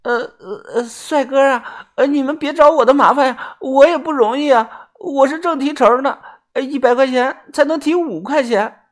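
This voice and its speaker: A man's voice: very high voice, pitched above the performer's own voice. A man voicing a young female street scammer who stammers and pleads. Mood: pleading. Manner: stammering with drawn-out fillers.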